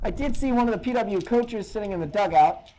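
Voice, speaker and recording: High-pitched man on a noisy dictaphone recording. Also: a little fast, mellow. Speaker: high school baseball broadcaster. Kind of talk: informal solo rain update commentary. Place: outdoors by a door in a rainstorm. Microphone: handheld voice recorder. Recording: handheld voice recorder with clear noise.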